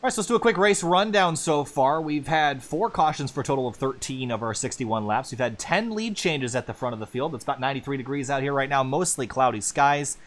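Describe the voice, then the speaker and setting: A man calling sim racing play-by-play as lead commentator, quick and building excitement during the action. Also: medium pitch.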